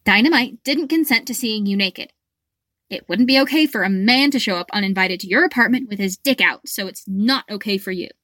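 A woman's voice: medium pitch, a little fast, fairly bright tone, no echo, studio quality, natural voice. A woman voicing a fiery, scolding young heroine. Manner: indignant, scolding. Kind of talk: audiobook fan fiction reading.

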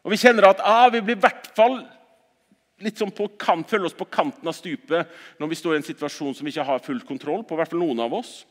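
A man preaching a sermon at a church service, swinging between loud exhortation and quiet earnest talk, often repeating words as he restarts sentences. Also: a little high, long reverb tail.

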